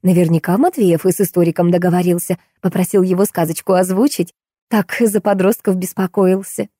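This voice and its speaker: A woman reading a first-person novel aloud as an audiobook narrator, telling it in a lively, wry way with playful lifts. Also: lowish voice, brisk, dry recording, studio quality.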